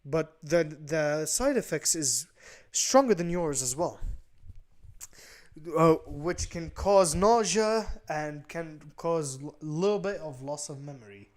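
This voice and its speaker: A man voicing a doctor who explains test results in a halting, matter-of-fact way. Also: a little high, animated, darkish tone.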